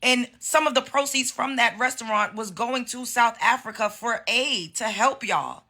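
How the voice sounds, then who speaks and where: Angry new woman venting to camera, sharp bright voice, swears a lot. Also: a little high, normal speed. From Brooklyn, New York. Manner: heated, confrontational, swearing. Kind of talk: angry social media rant.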